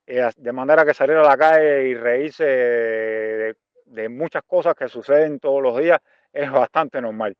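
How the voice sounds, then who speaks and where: A Cuban man with a smooth, medium-pitched voice gives reflective answers as an interview guest; he's a visual artist and art teacher. He speaks haltingly, searching for words and repeating phrases. The sound is dull and lo-fi, with no room sound.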